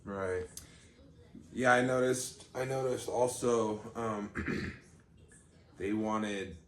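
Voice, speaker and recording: A man co-hosting a casual chat, explaining things in a relaxed, rambling way with many fillers. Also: on the low side, very slow. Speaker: channel co-host, parent. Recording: roomy with faint background noise.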